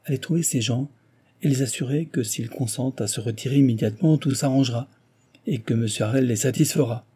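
A man's voice: mid-range voice, fairly quick, dark tone, husky, natural voice. A man voicing a young, earnest and compassionate heiress who speaks urgently.

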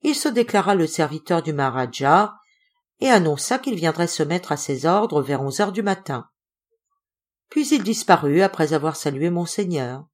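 A woman's voice: low-pitched, lively intonation, normal speed. A woman narrating a novel as an audiobook, telling the story expressively. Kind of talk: audiobook reading.

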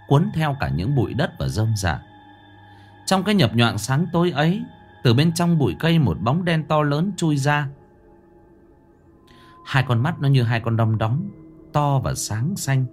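A man narrating a ghost story in a dramatic, expressive reading. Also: medium pitch, normal speed, faint music behind.

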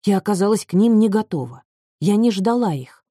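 A woman reading a novel aloud in a measured, even way. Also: mid-range voice, husky, dry recording, studio quality. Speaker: audiobook narrator. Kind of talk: scripted narration.

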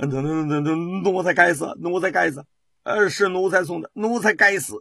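A man's voice: high voice, moderate pace, creaky, sharp tone, slightly rough, no room sound, clean studio sound, pitched above the performer's own voice, heavily acted. A man voicing a terrified fat palace eunuch who stammers and trembles as he begs.

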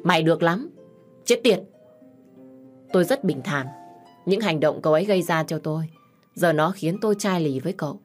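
Woman narrating a story, low voice. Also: a little fast, darkish tone, faint music behind. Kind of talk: first-person story narration.

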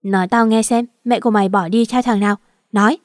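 A woman's voice: mid-range voice, steady tone, fast, no echo, studio quality, lightly acted. A woman voicing an angry, abusive middle-aged father in an audiobook story, speaking harshly.

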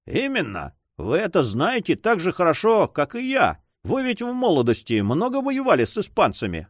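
A man voicing a burly, hot-tempered buccaneer in his forties who talks roughly and impatiently in a storybook reading. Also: high-pitched, wildly swooping pitch, normal speed, dry recording, studio quality, heavily acted. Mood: eager.

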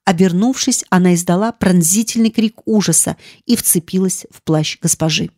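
A woman narrating an audiobook in a measured, dramatic storytelling manner. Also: fairly low pitch, warm tone, no room sound, clean studio sound. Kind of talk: scripted narration.

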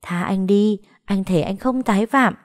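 A woman voicing a carefree young woman in a storybook reading, bold and jokey, her voice raised higher. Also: expressive, normal speed, a little mellow, lightly acted. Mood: teasing. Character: cheeky carefree young woman, teasing and playful.

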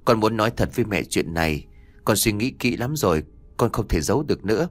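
A soft-spoken, pleading young wife, as a male narrator puts her on in an audio storybook. She talks quietly and haltingly. The voice sits close and dry. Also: lowish voice, expressive, dry recording. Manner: soft and hesitant.

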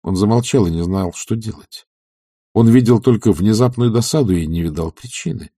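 A man narrates a classic novel for an audiobook in a calm, measured way. His voice is very low, dark and husky. The recording is dry, with no room echo. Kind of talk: literary audiobook reading.

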